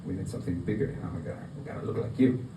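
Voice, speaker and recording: Racing along in a low-pitched voice, a man from Greece tells stand-up stories to an audience during an open mic night at a bar. He's an amateur comedian, caught by a distant mic in a roomy, noisy space, with audience laughter and room noise in the background.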